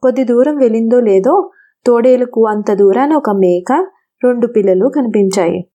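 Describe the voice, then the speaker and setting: A woman telling a children's animal fable in an even, expressive storyteller's manner. Her voice sits slightly high but sounds mellow and warm rather than bright. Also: normal speed, lo-fi sound.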